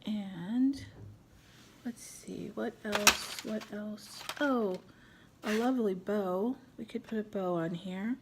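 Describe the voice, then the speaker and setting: A woman's voice: medium pitch, takes it slowly, background noise. Chatty woman thinking aloud while crafting. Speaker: craft video host. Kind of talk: casual crafting tutorial.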